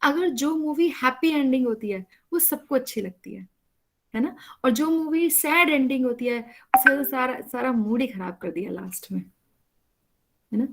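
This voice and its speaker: Woman lecturer, slightly high voice, patient online class explainer on a video call. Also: moderate pace, gravelly, a little hiss or hum. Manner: explains patiently, often checks with "है ना?". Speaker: college teacher.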